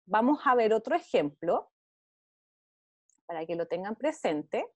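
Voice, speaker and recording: A woman's voice: mid-range voice, big pitch swings, measured pace, dry recording. A woman teaching an online visual arts class to young pupils, with a Chilean Spanish accent, encouraging and checking in often with the children. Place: home, over a video call. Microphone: video call.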